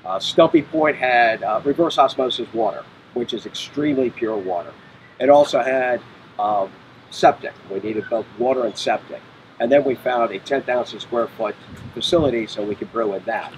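A man's voice: mid-range voice, normal speed, a little hiss or hum, poor audio. A middle-aged man, a brewery owner being interviewed, explaining in a matter-of-fact way on an outdoor patio. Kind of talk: casual interview. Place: outdoor patio by a brick wall.

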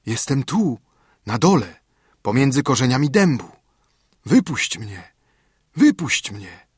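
A towering, haughty bottle spirit from a fairy-tale audiobook, as a man puts him on. The voice is hollow and slightly husky, slow, loud and threatening. Lively pitch with a dry, close studio sound. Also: no room sound, heavily acted. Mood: pleading. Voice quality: hollow, dreadful voice. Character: huge menacing male spirit, haughty and threatening.

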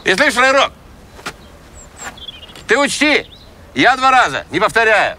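An actor playing a menacing small-time gangster who threatens in patronising street slang. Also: male voice, sits high, big pitch swings, unhurried, background noise. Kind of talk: screen comedy-drama acting. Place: outdoors by a car in woods.

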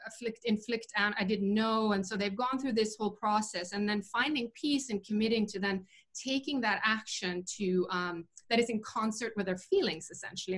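A woman's voice: medium pitch, a bit bright. A woman in her forties talks as an interview guest over a video call from home. She speaks thoughtfully, circling back with fillers and restarts as she explains her views. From Norway. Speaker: guest, vegan chef. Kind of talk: casual interview talk. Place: home room indoors.

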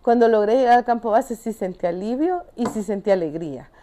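Warm-voiced Salvadoran woman telling her story. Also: a little high, a little fast, slight background noise. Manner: animated, often breaks into laughter while recounting. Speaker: mountaineer being interviewed. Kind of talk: emotional first-person storytelling.

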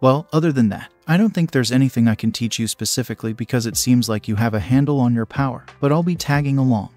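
A man's voice: mid-range voice, fast, a little mellow, faint music behind, lightly acted. A man reading as a feisty old male hero. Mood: advising.

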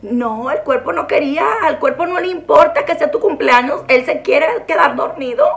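A hoarse woman, her voice sitting high and breaking into gravelly fry. She talks to the camera in a casual, teasing vlog style, with showy, theatrical greetings. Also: moderate pace. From Sinaloa, Mexico. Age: 40s. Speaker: vlogger host.

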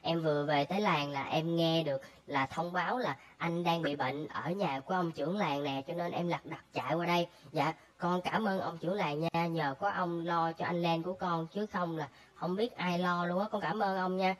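A woman voicing a timid, crybaby young boy who is whiny and excitable, in casual game role-play. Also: on the low side, moderate pace, few pauses, natural voice. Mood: polite.

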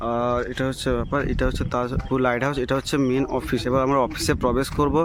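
A man's voice: medium pitch, level tone, quick pace. A man with a Bengali accent narrating a casual travel vlog, chummily addressing viewers as friends. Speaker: travel vlogger. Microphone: handheld phone. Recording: noisy on-location phone recording.

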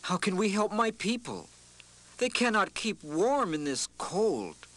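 A man's voice: high-pitched, very animated, unhurried, fairly bright tone, pitched above the performer's own voice, heavily acted. A man voicing a worried young boy who asks pleading questions.

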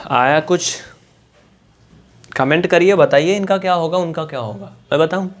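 A man from India teaching an online maths lesson, chatty and coaxing, repeating points slowly and mixing in English textbook terms. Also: on the high side.

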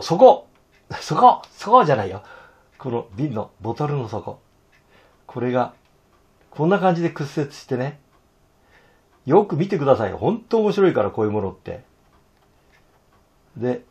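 A hoarse man teaching fountain pen illustration, talking to himself in halting asides as he draws. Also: lowish voice, mellow. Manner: talks to himself while drawing, halting, murmured asides. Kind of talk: casual drawing tutorial.

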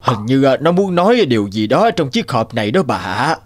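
A man voicing a kindly poor old farmer in a cartoon, talking in a gentle, wondering way. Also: mid-range voice, big pitch swings, fairly quick, noisy background, lightly acted. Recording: cartoon with music behind.

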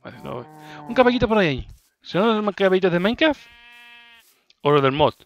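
Male gaming host, Spain Spanish accent, fairly high pitch, casual and playful, chatting to the creatures on screen. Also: sing-song, normal speed, gravelly, dull audio. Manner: playful, talks to the game creatures, repeats words. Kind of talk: casual let's play commentary.

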